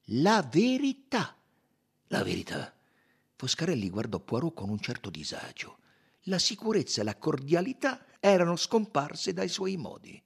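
A man narrating a novel as an audiobook, measured and expressive. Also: on the high side, vocal fry, slightly rough. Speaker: audiobook reader.

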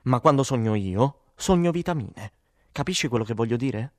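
A man's voice: mid-range voice, animated, moderate pace, a little mellow, no echo, clean studio sound, natural voice. A man voicing a weary, exasperated woman who sells vitamins, swearing and emphatic, in an audiobook. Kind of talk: audiobook character voice.

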